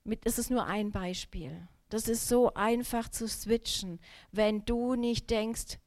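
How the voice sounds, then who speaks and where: Lively woman preaching a personal testimony. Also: on the high side, takes it slowly. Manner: lively storytelling that acts out her own quoted thoughts and outbursts; direct, addresses the listeners.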